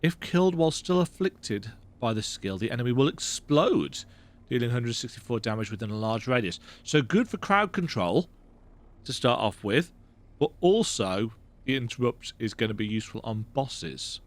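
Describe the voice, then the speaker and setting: A man's voice: medium pitch, sing-song, moderate pace. A man giving casual let's-play commentary, thinking aloud as he plays. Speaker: gamer.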